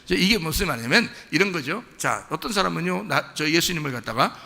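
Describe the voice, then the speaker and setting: A male pastor delivers a conversational sermon, his voice bright and slightly gravelly, rising and falling in lively swings. He keeps checking in with the congregation through questions. The sound trails off in the long reverb of a church sanctuary. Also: fairly high pitch, quick pace.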